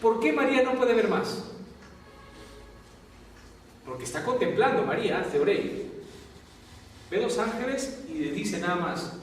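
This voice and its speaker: Priest lecturing in an echoey hall. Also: male voice, high voice, lively intonation, measured pace, long pauses, slight background noise. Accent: Peruvian Spanish. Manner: asks the class constant check-in questions. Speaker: priest teaching a Bible course. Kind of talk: classroom lecture. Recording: very echoey hall, voice far from mic.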